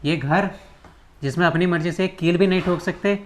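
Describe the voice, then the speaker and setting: A man's voice: high voice, moderate pace, a little hiss or hum, lightly acted. An actor playing a young husband who bitterly reproaches his wife, in a drama. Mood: reproachful. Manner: bitter, reproachful, pleading questions. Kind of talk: emotional drama acting.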